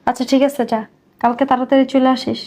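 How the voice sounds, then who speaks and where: A woman's voice: high voice, little pitch movement, quick pace, mellow. A woman playing a haughty rich housewife who scolds her maid with contempt. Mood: dismissive. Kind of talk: social media skit acting.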